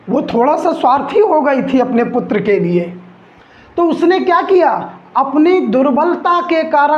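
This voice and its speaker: A male teacher slowly explaining an exam lesson, repeating lines and calling his students son. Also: very high voice, reverberant, lo-fi sound.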